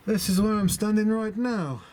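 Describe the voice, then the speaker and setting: Wind noise fills this outdoor camera recording of a British man by a van beside a house, showing his camper van conversion for his DIY vlog. His high voice is a little mellow and moves at a moderate pace as he rambles in a chatty, understated way, muttering to himself.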